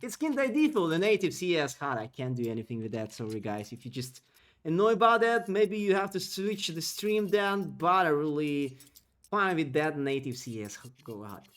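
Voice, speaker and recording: A man whose first language isn't English casts an esports match solo, giving rapid, excitable play-by-play that climbs in pitch during the action and chatting with viewers between rounds.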